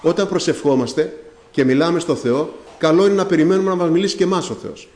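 A man's voice: a little high, fairly even intonation, darkish tone, echoey room. A man preaching a sermon, addressing the congregation directly and breaking in often with thanks to God.

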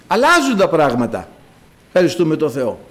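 A male preacher delivers a sermon in a high, very lively voice that climbs and drops sharply. He addresses the congregation as brothers and dramatizes the voices in his stories. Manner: dramatic, acts out quoted voices with big pitch swings.

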